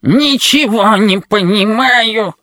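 An actor voicing a fussy, long-winded marrying robot in an audio drama, with a creaky metallic voice and grumbling, pedantic delivery. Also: medium pitch, takes it slowly, bright, forceful tone, no room sound, clean studio sound. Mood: puzzled.

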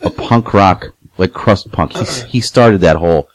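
A young man casually telling rough stories, swearing a lot and acting out what people said. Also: low voice, measured pace. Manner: animated, swears a lot, acts out quotes. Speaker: podcast guest telling stories. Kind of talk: casual profane storytelling.

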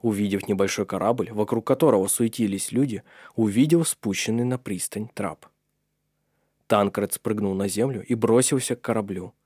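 A man narrating an audiobook with expressive reading. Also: lowish voice, normal speed, husky, no echo, studio quality.

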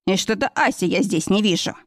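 Here is a proud, jealous man who speaks slowly and with a cold threat underneath, as a woman narrator reads him. The voice sits at her ordinary pitch, dry and close in a storybook recording. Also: expressive, dry recording, lightly acted. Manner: slow, menacing.

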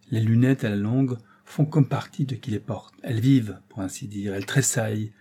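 A man's voice: mid-range voice, dark tone, breathy edge. A man narrating a novel as an audiobook reader, lifting his voice for the characters' lines.

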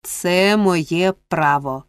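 A woman voicing a pompous, domineering middle-aged male parish beadle in an audiobook, blustering and self-important with drawn-out emphasis. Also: on the low side, clear, resonant tone, no room sound. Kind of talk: audiobook character reading.

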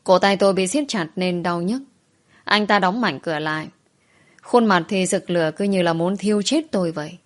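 A woman reading a first-person story aloud in a soft, emotive way. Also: lowish voice, moderate pace.

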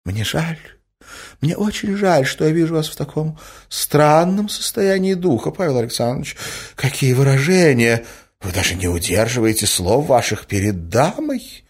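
A man voicing a scheming middle-aged lady who speaks in a soft, honeyed, reproachful way. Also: on the high side, lively intonation, normal speed, husky, voice pushed up. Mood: sweetly hurt.

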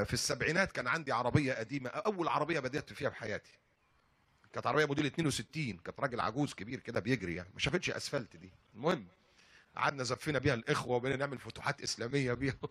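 A man's voice: medium pitch, rapid-fire, breathy edge. An older man with an Upper Egyptian Arabic accent who preaches a sermon and tells stories and jokes with plenty of humor. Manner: lively storytelling, jokes and laughs.

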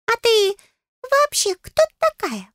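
A woman voicing a tiny male fairy in an audiobook, squeaky, pompous and greedy, with a bossy, indignant manner. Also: huge pitch swings, slow pace, fairly bright tone, no echo, clean studio sound, full character voice. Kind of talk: audiobook character voice.

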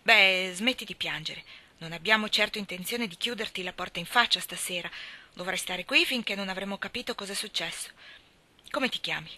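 A woman doing a brisk, stern farm spinster. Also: medium pitch, bright, forceful tone. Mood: gruff. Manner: curt, exclaiming.

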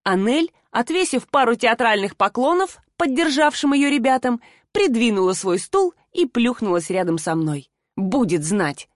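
Casting: a woman audiobook narrator, higher voice, steady reading, very dry close sound. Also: normal speed, no echo. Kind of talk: scripted narration.

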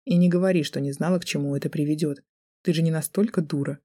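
A woman narrator voicing a mocking, menacing young male student in an audiobook, speaking low and soft in a taunting way. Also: fairly even intonation, a little fast, breathy edge. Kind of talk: audiobook character voice.

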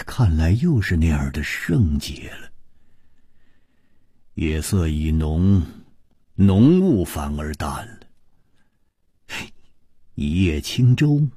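Slow, husky, expressive male storyteller. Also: dry recording, clean studio sound. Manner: slow, highly expressive delivery that swings from whispers to high cries. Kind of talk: dramatic reading of a martial-arts novel.

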